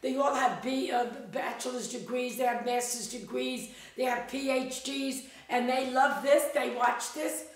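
A woman's voice: high-pitched, steady tone, unhurried, few pauses, a little hiss or hum. An elderly woman, blunt and exasperated, reading lyrics aloud and commenting casually. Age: older, 70s or above. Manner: blunt, exasperated old lady. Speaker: video host reading song lyrics. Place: home kitchen, indoors. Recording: echoey room, distant microphone.

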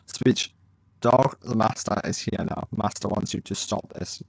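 Gravelly-voiced male gameplay host. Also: fairly low pitch, fairly even intonation, unhurried, no room sound, low-quality recording. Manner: reads dialogue choices aloud, chatty asides to viewers. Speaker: let's play host. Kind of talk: casual gameplay commentary.

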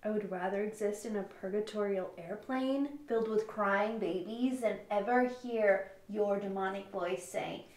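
An actress playing a gloomy, theatrical young roommate who speaks in grandiose, overwrought declarations. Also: female voice, mid-range voice, unhurried, few pauses, a little mellow, natural voice. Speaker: roommate Gwendolyn. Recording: roomy echo.

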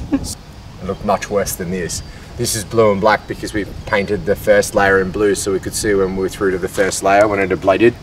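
A low-voiced man, a sailing vlogger, casually explains boat maintenance outdoors at a boatyard at a moderate pace, in a relaxed, explanatory and jokey way. It was shot on a handheld camera with a distant mic, so the background is noisy, and music plays under his voice.

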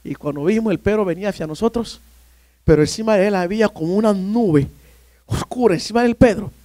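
A male pastor telling a lively personal story during a sermon, often calling listeners "brother". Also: high-pitched, a little fast, dry recording, clean studio sound. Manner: animated storyteller, often addressing "hermano".

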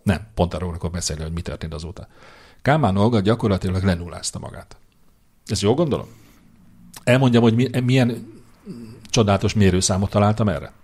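A man co-hosting a casual political podcast makes opinionated predictions and teases and mocks public figures. His voice is low-pitched, a little mellow and slightly rough.

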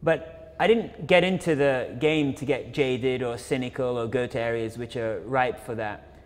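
A young man speaks in a middle-pitched voice, thinking aloud as he lectures, with frequent fillers and restarts. His words ring with the long reverb of a large university auditorium. The tone is an informal illustrated talk by a photographer. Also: normal speed. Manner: reflective, many fillers and self-corrections. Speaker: photographer and filmmaker giving a lecture.

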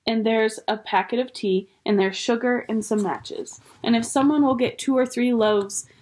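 A woman's voice: on the high side, moderate pace, darkish tone, slight background noise, close to an everyday voice. A woman voicing a fussy, motherly female beaver in a storybook reading, homely and bustling.

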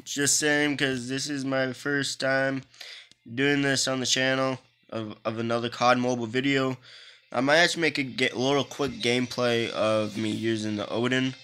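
A young Irishman talks loosely over his mobile gameplay, tripping over and restarting his words as he goes. His voice is smooth and clear, sitting at an ordinary male pitch. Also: fairly even intonation, normal speed, sharp tone. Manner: rambling, restarts words often. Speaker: mobile game YouTuber. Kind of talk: casual gaming commentary.

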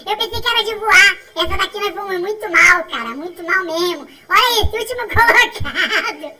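A Brazilian woman calls out a mobile race game as she plays, in a very high, sharply bright voice. She talks in quick repeated bursts and often breaks into laughs and shouts. Her voice sounds a little distant from the microphone. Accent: Brazilian Portuguese. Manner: excitable, chatty, repeats phrases, frequent laughs and shouts. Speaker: gaming channel host.

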